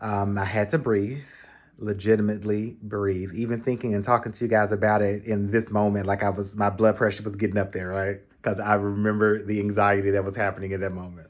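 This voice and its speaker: A man casually telling a story in his vlog, animated, with sudden high exclamations and acted-out quotes of other people. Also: fast talker, hardly any pauses. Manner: acts out quoted voices in his retelling. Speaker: vlogger.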